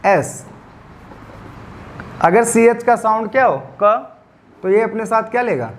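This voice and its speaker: A man teaches English grammar in a high-pitched voice. He spells endings out letter by letter and slows down on them. He keeps asking the class questions and answering them himself. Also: a little hiss or hum. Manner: spells out letters slowly, stresses pronunciation. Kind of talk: classroom lecture.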